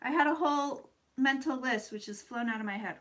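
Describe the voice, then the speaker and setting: A woman with a high, bright voice hosts a casual livestream. She sounds a little congested as she rambles and thinks aloud. Her manner is playful and sweary, with effusive greetings to her viewers. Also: a little fast. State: slightly congested after flu. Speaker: livestream host doing psychic readings.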